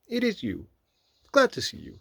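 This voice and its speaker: Guy doing a fussy prim rabbit for a kids story, really high pitched, cautious, lively swoops. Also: normal speed, creaky, no echo, full character voice. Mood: cautious, polite. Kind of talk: children's storybook character voice.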